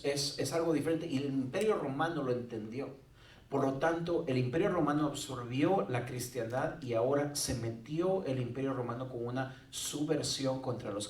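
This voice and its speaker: A man's voice: mid-range voice, darkish tone. A man preaches a Sunday sermon in an easy, conversational way. He throws in joking asides. His voice sits in the middle range and sounds distant and roomy, caught from across a church hall. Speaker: pastor. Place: church sanctuary.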